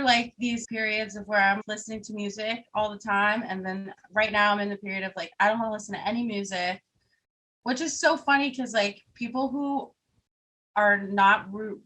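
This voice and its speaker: A woman's voice: mid-range voice, a bit bright, low-quality recording. A young woman, chatting casually as an interview guest, laughing often and full of fillers. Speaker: singer and keyboard player, guest.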